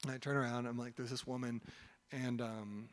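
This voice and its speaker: A man preaching a sermon in a relaxed, conversational way, telling a story with lots of "like" and "um". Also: medium pitch, normal speed. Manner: conversational, heavy use of "like" and "um". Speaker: pastor. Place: church hall. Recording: long hall reverb.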